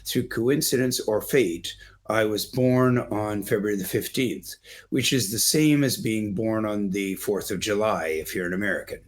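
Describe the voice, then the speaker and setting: A middle-aged Canadian man with a somewhat low voice speaks at a moderate pace as an interview guest. He tells stories in an earnest, discursive way, winding through them and walking the listener through old photos.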